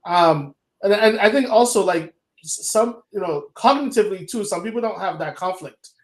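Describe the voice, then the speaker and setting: High-voiced man from Ghana in an echoey room. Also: moderate pace. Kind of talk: casual conversation.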